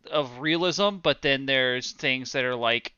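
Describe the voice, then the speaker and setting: Bright, smooth-voiced podcast man. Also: mid-range voice, a little slow, no room sound, highs cut off. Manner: easygoing, thinks aloud with fillers. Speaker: podcast co-host. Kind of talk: casual movie chat.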